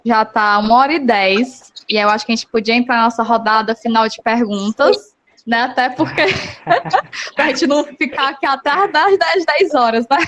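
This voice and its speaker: A woman's voice: on the high side, normal speed, a bit bright, a little hiss or hum. A woman hosting a casual panel chat, earnest and steering the conversation, often checking in with "né?". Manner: earnest, guiding the talk, frequent "né?". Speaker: podcast host.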